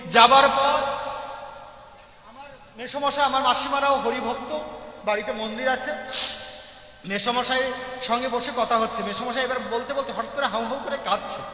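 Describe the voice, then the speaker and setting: A young man preaches with passion and keeps calling out to his listeners. His voice is very high and bright. It rings out through a large hall with a long echo. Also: fairly even intonation, normal speed, long pauses. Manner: impassioned, addresses listeners as mother. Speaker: Matua preacher. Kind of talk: devotional sermon storytelling. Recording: echoey hall.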